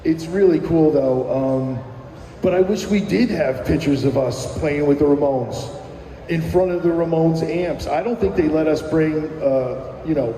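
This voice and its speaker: His voice sits on the high side with a dark tone, and he talks a little slowly. He's a middle-aged musician from New Jersey reminiscing casually in an interview, rambling with many fillers and restarts. There's a little hiss or hum, and the room is echoey with a long reverb.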